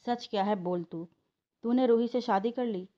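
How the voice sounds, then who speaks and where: A man's voice: high voice, fairly even intonation, moderate pace, warm tone, close to an everyday voice. Woman doing a stern bossy uncle, firm orders, storybook, dull audio. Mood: angry. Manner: stern, commanding. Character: stern older uncle, commanding.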